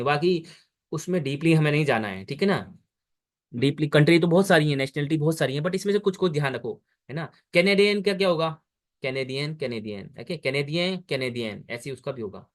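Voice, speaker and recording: A man with an Indian accent gives a one-on-one French lesson over a video call. His voice sits fairly high for a man, and he patiently repeats each word slowly so the student can follow. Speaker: French tutor. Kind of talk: online language lesson.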